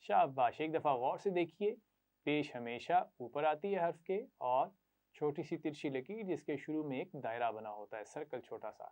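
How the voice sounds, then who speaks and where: A man's voice: on the high side, expressive, darkish tone. A man teaching children Quran reading, patiently sounding out syllables for them to repeat and praising them often. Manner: patient, repeats syllables slowly for pupils to echo; frequent praise. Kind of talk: classroom lesson to children. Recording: tinny phone-like sound.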